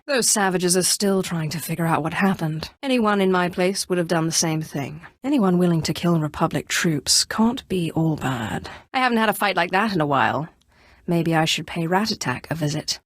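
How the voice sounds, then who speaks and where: A woman's voice: lowish voice, dry recording, clean studio sound. A woman voicing an imperious, sardonic female Sith lord in a video game, speaking with haughty, cool menace. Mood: confident, sardonic. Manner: haughty, coolly threatening, dryly sardonic. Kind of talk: video game character voice acting.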